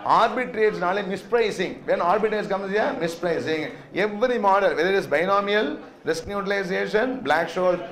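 A man's voice: sits high, fairly bright tone. Tamil-accented South Indian male lecturer, echoey room. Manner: repeats phrases and checks with rhetorical questions. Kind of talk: classroom lecture. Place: indoor classroom, talking to students.

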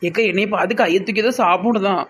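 A man's voice: sits high, fast, a bit bright, slight background noise. A man voicing a nervous, defensive village man in a cartoon, with a Tirunelveli Tamil accent.

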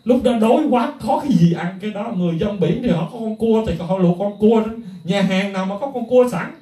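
Animated man talking with echo. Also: sits high, brisk, recorded from a distance. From Vietnam. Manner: animated, emphatic, mimics others in a raised voice. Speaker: music teacher. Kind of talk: casual spoken talk to viewers. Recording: echoey room, voice from off the mic.

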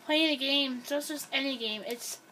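A young woman hosting a gameplay video chats and rambles casually as she plays, her high-pitched voice bright and forceful at a moderate pace. The audio is poor, with a slight hiss or hum, since a camera aimed at the screen picked it up.

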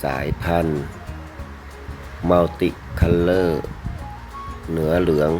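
A man narrates a sales video in a very deep voice. He takes his time, speaking politely in short, separated phrases with little melodic movement. Music plays behind him. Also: flat delivery, extremely slow. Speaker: fish seller presenting betta fish for sale.

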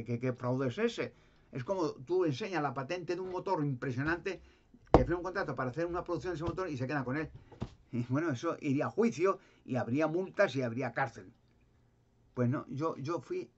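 A man's voice: medium pitch, husky. A man telling a story with emphasis, often repeating words and restarting sentences. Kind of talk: animated storytelling. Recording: dull lo-fi sound.

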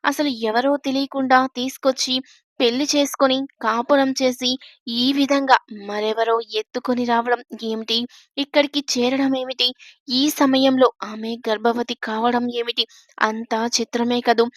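High-voiced woman reading a Telugu-style storybook tale. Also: level tone, moderate pace, no echo. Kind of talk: storybook narration.

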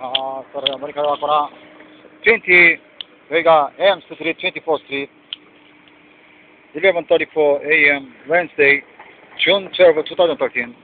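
A man's voice: fairly high pitch, steady tone, a little slow, pauses often. A man talking in a rambling monologue from inside a moving vehicle, switching between Korean and English phrases. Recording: tinny lo-fi with loud vehicle noise.

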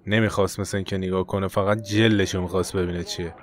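Man, lowish voice, casual let's-play commentary, chatty, exclaims in alarm. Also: level tone. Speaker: gaming YouTuber.

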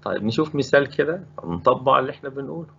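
A man's voice: medium pitch, lively intonation, very fast, vocal fry, pushed and bright, breathy edge, muffled recording. A man with an Egyptian Arabic accent teaching Spanish grammar in a recorded lesson, explaining step by step and repeating each word. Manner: explains step by step, repeating words and asking rhetorical questions.

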